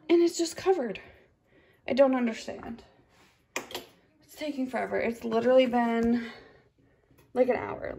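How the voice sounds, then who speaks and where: A woman's voice: on the high side, vocal fry, slight background noise. A woman in her twenties chatting casually to her phone camera while baking at home and showing off her porch. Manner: chatty, upbeat, chatty asides. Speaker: vlogger. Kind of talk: casual vlog narration. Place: home kitchen and front porch. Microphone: handheld phone camera.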